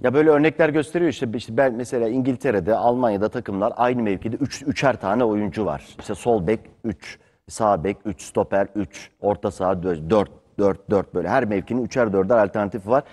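A man's voice: lowish voice, a little fast, hardly any pauses, darkish tone. A man co-hosting a studio sports talk show, telling anecdotes in a conversational, agreeable way.

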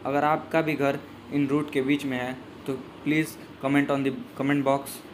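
A man's voice: mid-range voice, level tone, takes it slowly, noisy background. A young man narrating his train journey as a voice-over, in a casual, loosely worded way with restarts. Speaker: travel vlogger.

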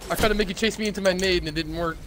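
A young man joining in on a game session with quick, offhand remarks. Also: high-pitched, fairly even intonation, over loud music. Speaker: co-player. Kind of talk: casual gaming chat with friends.

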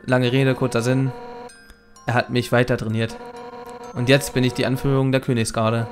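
A man's voice: medium pitch, flat delivery, normal speed, natural voice. A man reading the lines of a fierce, brash female fish warrior captain in a game, in boisterous bursts, with faint game music behind. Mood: reflective. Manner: boisterous, loud bursts, chuckling. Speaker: Let's Play gamer reading dialogue. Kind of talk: reading game dialogue aloud.

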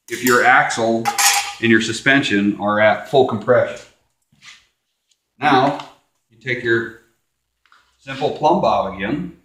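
Middle-aged male shop host, practical and plain-spoken, mid pitch, roomy garage echo on a camera mic. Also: a bit bright. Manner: plain-spoken, practical, repeats phrases as he works. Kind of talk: casual how-to demonstration. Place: large garage workshop, indoors. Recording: echoey garage.

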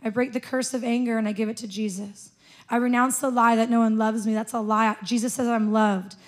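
A young woman with a fairly high voice leads a congregation from a church stage, gently coaching them. She speaks into a handheld microphone in a church auditorium. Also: level tone, a little fast. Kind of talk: sermon with guided prayer. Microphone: handheld mic.

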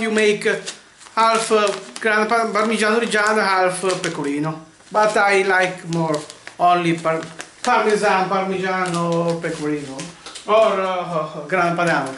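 A man in his thirties hosting a home cooking lesson, halting and searching for English words. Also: sits high, fairly bright tone. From Vietnam. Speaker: cooking channel host. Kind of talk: casual cooking demonstration. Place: home kitchen, indoors. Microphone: camera mic, often at arm's length or across the room. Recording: echoey kitchen with faint noise.

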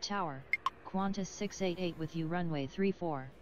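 A woman voicing an airline pilot over the radio, reading back clearances in clipped, formulaic phrases. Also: fairly low pitch, moderate pace, highs cut off, a little hiss or hum. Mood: calm.

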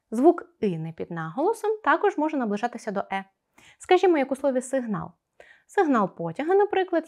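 Woman teacher, scripted video lesson, careful articulation, animated, somewhat high delivery. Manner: careful, articulated pronunciation of sounds; expressive, explaining to pupils.

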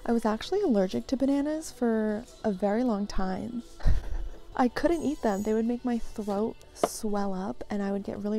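Woman book vlogger, casual and giggly, with a gravelly edge and mid-range pitch. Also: dark tone. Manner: chatty, giggly, musing half to herself. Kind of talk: casual chat while browsing. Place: indoors in a thrift store.

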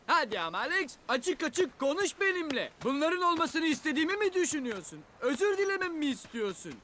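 An upbeat, talkative male zebra from an animated film. His voice is high and bright, with quick easygoing banter. A faint hiss sits under it. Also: exaggerated voice. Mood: joking. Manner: fast, pleading, easygoing banter. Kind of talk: cartoon dubbing.

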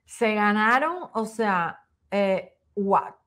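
A woman's voice: mid-range voice, lively intonation, drawn-out words, a bit bright. A Cuban woman co-hosting a casual chat show, laughing often and reading viewer comments aloud. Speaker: co-host.

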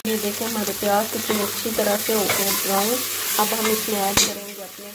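Woman, cooking channel host; level, steady instructional read; home kitchen phone audio with heavy frying noise. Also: mid-range voice. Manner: plain, unhurried instructional delivery. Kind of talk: step-by-step recipe voice-over. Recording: loud cooking noise behind voice.

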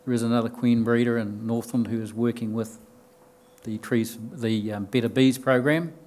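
An older man with a New Zealand accent speaks at a podium mic in a room full of listeners. He explains his points plainly in a middle-pitched voice, pausing on ums and restarting his sentences as he goes. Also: steady tone, darkish tone. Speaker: conference speaker. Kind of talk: conference talk. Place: lecture room with bookshelves and audience.

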